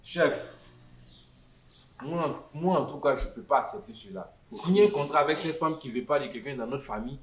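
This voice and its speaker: An actor playing an indignant brother-in-law with an Ivorian French accent who defiantly claims the family land. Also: male voice, fairly high pitch, normal speed, roomy sound, close to an everyday voice. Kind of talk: community theatre acting.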